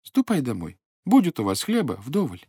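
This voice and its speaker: A man doing a calm, soft-spoken magic fish. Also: mid-range voice, normal speed, husky, dry recording, clean studio sound, heavily acted.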